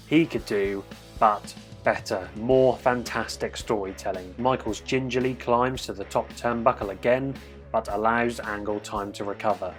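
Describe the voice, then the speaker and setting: A man reading a scripted voice-over review of a wrestling match, analytical and enthusiastic. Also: mid-range voice.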